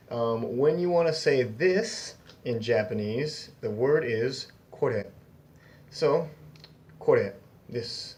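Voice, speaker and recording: A young man hosting a casual beginner Japanese lesson, chatty and upbeat, slowly repeating each new word for learners. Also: medium pitch. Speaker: Japanese language teacher, channel host.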